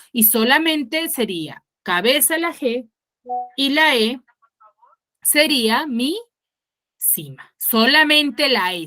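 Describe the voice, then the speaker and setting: Woman teacher, online class over a video call, high voice, slow pace. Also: sharp tone. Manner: quizzing students, explains patiently.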